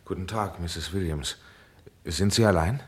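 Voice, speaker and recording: In a German radio play, an actor portrays a polite, measured man under police suspicion. He uses formal phrasing, and his husky voice sits low.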